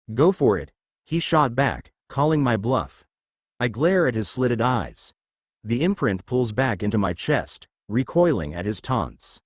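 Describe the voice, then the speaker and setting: A man narrating a first-person fan fiction story in an expressive storytelling manner. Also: mid-range voice, dry recording, studio quality.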